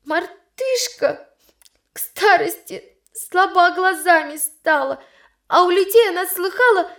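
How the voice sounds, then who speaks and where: A woman's voice: extremely high pitch, lively intonation, slow, a bit bright, pitched above the performer's own voice, full character voice. A woman voicing a top girl student who recites a fable through tears, choked and agitated. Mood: tearful.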